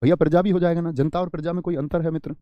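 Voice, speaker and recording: Animated male Hindi grammar teacher. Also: a little high, very fast, dry recording, highs cut off. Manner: animated teacher, stretches and stresses single words for emphasis; addresses students as friends, preachy asides. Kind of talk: online class lecture.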